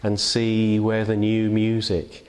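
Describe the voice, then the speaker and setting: Low-voiced English man giving a reflection in church. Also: completely flat delivery, slow pace, a little mellow. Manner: conversational, with many fillers and restarts. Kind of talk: informal sermon reflection. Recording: long reverb of a church hall.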